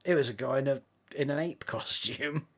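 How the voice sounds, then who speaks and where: A young man co-hosting a podcast, chatting casually and playfully, quick to joke and quick to dismiss anything fanciful. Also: medium pitch. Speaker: podcast co-host. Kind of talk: casual chat.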